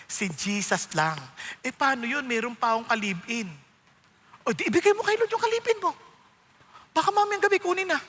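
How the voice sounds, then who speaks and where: A Filipino man preaching a sermon, animated and playful, acting out the voices of people he quotes and mixing in English phrases. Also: high voice, long reverb tail. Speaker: pastor.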